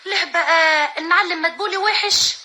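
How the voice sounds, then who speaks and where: Cheeky young Egyptian woman, high bright voice, quick teasing delivery, film drama. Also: a little hiss or hum, heavily acted. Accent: Egyptian Arabic.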